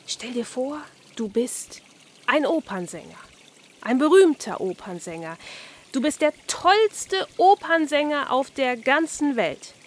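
A woman's voice: big pitch swings, slow pace, fairly bright tone, exaggerated voice. Woman doing an overexcited bossy carp. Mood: coaxing. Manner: high, gushing, theatrical coaxing. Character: excitable male carp, bossy and over-the-top cheerful.

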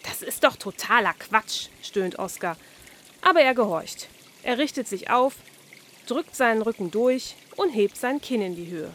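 Woman narrator, children's story, slow and animated, on the high side. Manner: lively, expressive storytelling. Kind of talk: reading a children's story aloud.

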